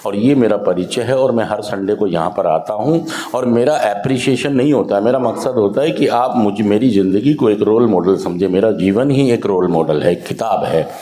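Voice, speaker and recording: A man's voice: fairly low pitch, moderate pace, few pauses, reverberant. A man, an addiction counselor, giving a motivational talk to rehab residents and firing rhetorical questions at them. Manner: animated, rhetorical questions to the audience. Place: drug rehab center.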